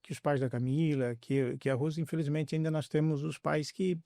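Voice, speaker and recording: Gravelly podcast host. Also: male voice, on the high side, steady tone, moderate pace, no echo, clean studio sound. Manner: warm, hesitant questioning with many fillers. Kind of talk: podcast interview.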